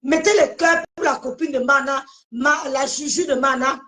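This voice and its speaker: A woman's voice: sits high, fairly even intonation, moderate pace, a bit bright, poor audio. A woman hosting a casual live stream, speaking emphatically to her viewers and often repeating her phrases.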